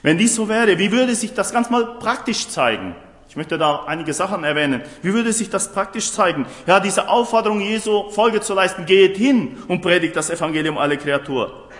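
A man's voice: sits high, lively intonation, moderate pace, fairly bright tone. A man preaching a sermon emphatically, often putting rhetorical questions to his listeners. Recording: roomy hall with long reverb.

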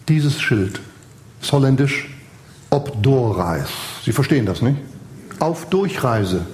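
Male preacher, fairly high voice, lively storyteller with big pitch swings, recorded in a roomy echoing space. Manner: lively storytelling with swooping pitch and asides to the listeners. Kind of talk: sermon. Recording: echoey room.

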